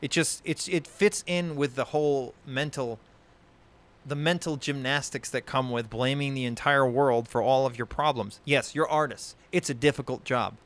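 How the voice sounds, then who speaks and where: A man's voice: medium pitch, moderate pace, fairly bright tone. A man who hosts a podcast, talking in a casual discussion stream, heated and exasperated, swearing often and rambling with many restarts. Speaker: podcast host.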